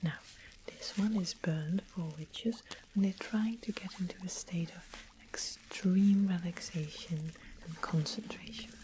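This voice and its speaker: This is a fantasy ASMR roleplay in which a woman whispers closely as a sweet-smiling, sly western witch and potion-keeper, taking her time to savor every explanation. The lowish, warm voice is close to an everyday one, calm and sly, and the recording is rough with constant background noise.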